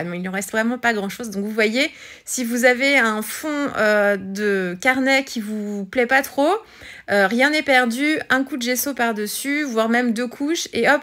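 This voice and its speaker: A woman's voice: on the high side, a bit bright. A woman chatting through a scrapbooking tutorial voice-over, hesitant with many fillers and restarts. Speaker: scrapbooking vlogger. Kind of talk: casual craft tutorial voice-over.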